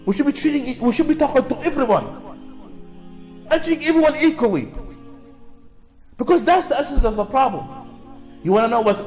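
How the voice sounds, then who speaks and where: A man with a high voice lectures an audience, keeps asking questions and answering them himself, and calls for replies from the crowd. He often repeats words and restarts sentences. Soft music plays faintly underneath. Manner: repetitive, with frequent restarts; draws responses from the audience. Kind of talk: public talk to an audience.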